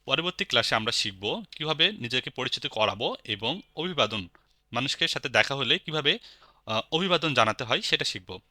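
A man with a Bangladeshi Bengali accent teaching a spoken language lesson, patiently repeating each word slowly. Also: medium pitch, animated, bright, forceful tone, no room sound, clean studio sound.

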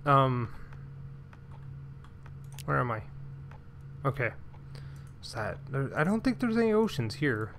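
A man's voice: medium pitch, sing-song, takes it slowly, long pauses, noisy background. A man giving casual gameplay commentary, talking to himself and his pet as he plays, with mild frustrated sighs. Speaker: let's play gamer.

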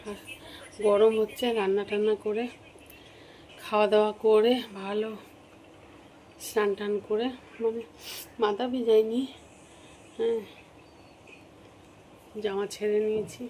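A woman's voice: medium pitch, little pitch movement, unhurried, long pauses, dark tone, slight background noise, low-quality recording. A woman vlogging casually to her viewers while cooking at home, a little unwell with a cold. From Bengal. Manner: chatty, talks to viewers while cooking and walking. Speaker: family vlogger.

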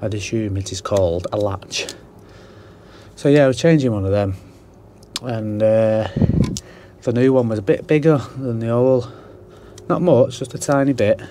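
A young electrician with a warm, mellow voice talks loosely into his camera while fitting things indoors. He rambles, cracks small jokes at his own expense, and keeps it casual, with a faint background hum in the room. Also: medium pitch, moderate pace, long pauses. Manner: chatty, self-mocking, rambling asides. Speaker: electrician vlogger. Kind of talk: casual commentary while working. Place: indoors at a house job. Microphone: handheld camera mic.

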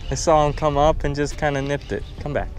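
A man in his twenties vlogging from a small boat on a lake, talking casually to an action camera strapped to his chest, excitable and quick to laugh. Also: fairly high pitch, faint music behind. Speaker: fishing vlogger. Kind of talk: casual on-the-water narration.

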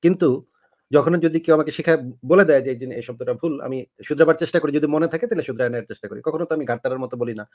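A man hosting a live online discussion talks quickly, in a slightly higher voice than most men. He explains his points at length and often ends with rhetorical questions.

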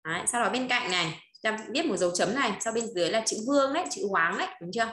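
A woman's voice: fairly high pitch, expressive, rapid-fire, fairly bright tone, roomy sound. A woman teaching a language lesson, repeating phrases and often checking that students follow. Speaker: Chinese teacher.

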